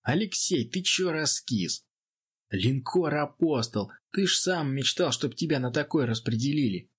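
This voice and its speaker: A man's voice: medium pitch, lively intonation, unhurried, slightly rough, pitched above the performer's own voice. Gunter: a man doing a cheerful young naval officer. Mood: teasing.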